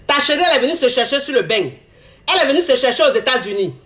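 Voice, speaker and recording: A man's voice: very high-pitched, big pitch swings, rapid-fire, sharp tone. A man with an Ivorian accent gives casual relationship advice while nursing a cold, repeating himself and talking straight to his viewers in street slang. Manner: repetitive, addresses viewers directly with slang. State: has a cold.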